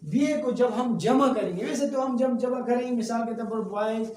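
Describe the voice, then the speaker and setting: A male teacher with a fairly high, mellow voice walks through a grammar lesson one step at a time, regularly checking in with his listeners. He sits back from the microphone in an echoey room, with a faint hiss underneath. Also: moderate pace. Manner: explains step by step, often checking in with "okay". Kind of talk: classroom-style grammar lesson. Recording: echoey room, distant mic, faint noise.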